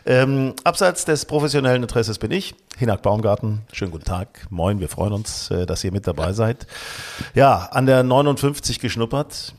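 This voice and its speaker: A man's voice: mid-range voice, expressive, normal speed, darkish tone. Male podcast host, mid-range voice, emphatic and colloquial, casual sports talk with plenty of enthusiasm.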